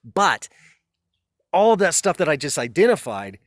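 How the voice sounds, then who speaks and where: A man's voice: on the high side, big pitch swings, normal speed, no room sound, clean studio sound. A man giving loose, rambling spoken commentary on a philosophy text, with restarts and the odd swear word.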